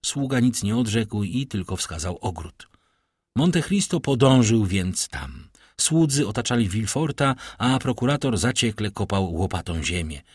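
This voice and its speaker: A man narrating a classic novel in a measured, grave manner. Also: lowish voice, big pitch swings, slightly rough, dry recording, studio quality. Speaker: audiobook narrator. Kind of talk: dramatic literary narration.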